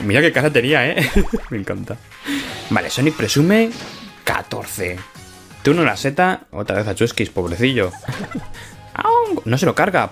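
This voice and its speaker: A man's voice: lowish voice, a bit bright. Playful Spanish man narrating gameplay. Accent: Spain Spanish. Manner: playful, chatty, laughs often. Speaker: gaming let's-play host. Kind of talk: casual gameplay commentary.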